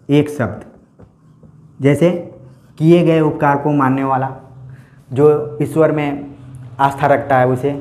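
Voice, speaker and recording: Hindi teacher in an echoey room. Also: male voice, mid-range voice, a little mellow. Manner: explanatory, checks in with "ठीक है". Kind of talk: exam-prep lecture.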